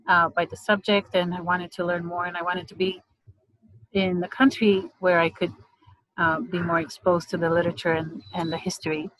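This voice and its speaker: A middle-aged woman from Romania, an English lecturer giving an online presentation in a measured way, pausing often with fillers. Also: lowish voice, a bit bright, no echo, poor audio. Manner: measured, hesitant with frequent fillers.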